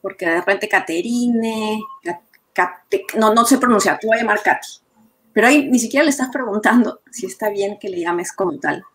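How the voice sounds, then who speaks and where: Woman, calm explainer, everyday speaking voice. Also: medium pitch, moderate pace. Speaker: guest therapist. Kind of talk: professional conversation.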